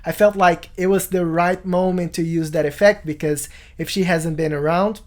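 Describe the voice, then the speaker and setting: A man's voice: high-pitched, steady tone, moderate pace. A man in his thirties explaining things as a video tutorial host in a small home studio. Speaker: music production tutorial host.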